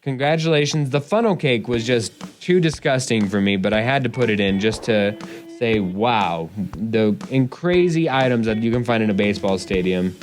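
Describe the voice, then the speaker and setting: A man's voice: on the low side, lively intonation, normal speed, faint music behind. A young man co-hosting a casual podcast, quizzing his partner with a joking, playful delivery. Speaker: podcast co-host. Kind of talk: casual sports podcast chat.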